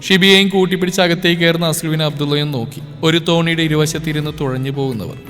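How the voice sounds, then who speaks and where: A man's voice: a little high, fast talker, a bit bright. Male storyteller with a reverberant sound. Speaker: narrator. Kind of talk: audio novel narration. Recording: reverberant with faint music.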